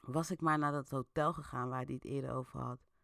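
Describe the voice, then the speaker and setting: A woman voicing the story's uneasy main character, thinking aloud in a hushed, hesitant voice. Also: extremely low pitch, steady tone, fairly quick, creaky, no echo, clean studio sound, pitched below the performer's own voice, full character voice.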